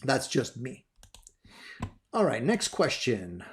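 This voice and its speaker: A man's voice: medium pitch, sing-song, slow pace, slight background noise. A man hosting a gear video channel, talking casually to camera as he answers viewer questions, easygoing, with frequent fillers and restarts. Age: adult over thirty. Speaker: guitar gear channel host.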